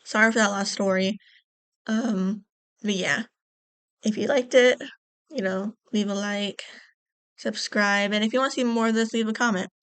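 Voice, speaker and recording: A young woman vlogger talks straight into the camera mic, earnest and repetitive, with casual fillers. Her voice sits at an ordinary middle pitch. The room sound is dry and close. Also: fairly even intonation, moderate pace, long pauses, smooth, no room sound. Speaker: YouTuber reading stories. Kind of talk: casual vlog commentary.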